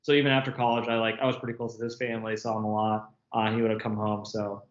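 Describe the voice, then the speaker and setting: A man's voice: on the low side, flat delivery, quick pace. A man of about thirty, an interview guest in casual chat, talking with lots of filler words and frequent laughs over a remote call. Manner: chatty, laughs often, many filler words. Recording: echoey, muffled call audio.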